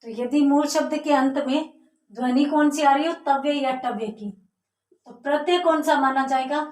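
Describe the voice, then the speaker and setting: Heard from off mic in an echoey room, a woman explains grammar step by step, posing questions and answering them herself. Her voice sits high and is a little mellow, at a normal speed.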